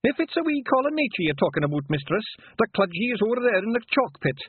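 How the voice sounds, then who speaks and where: Here a tiny, keen young Scottish pixie lad pipes up, very high, bouncing all over his pitch and full of earnest duty. It comes through thin and tinny, like a phone line, and dry. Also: big pitch swings, quick pace, slightly rough, dry recording, heavily acted. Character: young eager male Feegle pixie, earnest and dutiful.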